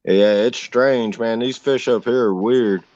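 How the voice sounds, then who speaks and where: A man's voice: medium pitch, unhurried, a little mellow, a little hiss or hum. An easygoing man on a video call, sharing fishing habits in a folksy, casual way. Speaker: stream guest. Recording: dull lo-fi call audio.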